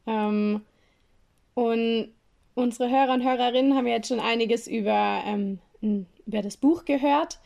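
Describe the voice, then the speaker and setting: A woman hosting a podcast, asking questions with halting speech and many fillers. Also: on the high side, gravelly, a little mellow. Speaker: podcast host. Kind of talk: casual interview.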